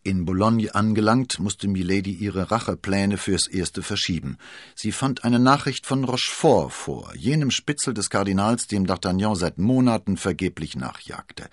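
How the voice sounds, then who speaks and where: A man narrating a storybook with expressive, dramatic delivery and a husky voice. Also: low voice, normal speed, dry recording, studio quality.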